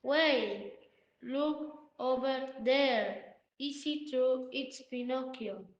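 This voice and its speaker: Anxious female puppet voiced by a woman, unhurried delivery. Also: high-pitched. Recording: echoey muffled room.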